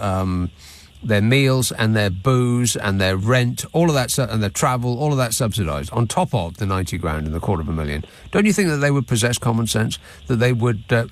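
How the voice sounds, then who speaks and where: A man hosting a radio phone-in in a wry, sardonic, mock-authoritative way, bantering comically. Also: mid-range voice. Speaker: radio talk show host. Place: radio studio. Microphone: close studio microphone.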